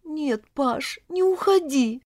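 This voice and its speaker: A woman reading an audiobook, voicing a young woman who pleads tearfully and in a high voice. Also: big pitch swings, a little slow, a little mellow, no echo, studio quality. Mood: pleading. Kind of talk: audiobook character voice.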